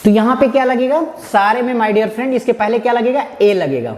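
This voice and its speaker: A man's voice: very high-pitched, expressive, moderate pace. A man teaching English grammar, asking his listeners questions and answering them himself while calling them "my dear friend". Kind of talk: explanatory classroom lesson. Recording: echoey hall with faint noise.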